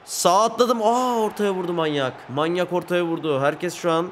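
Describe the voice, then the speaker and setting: A high-voiced young man calling his own football video game late at night at a desk mic. He is tired but flares from low mutters to yells at the referee and his players, with a faint hiss behind him. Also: moderate pace. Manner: swings from muttering to shouting at the match, curses, urges players on. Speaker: gaming YouTuber. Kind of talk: excited gameplay commentary.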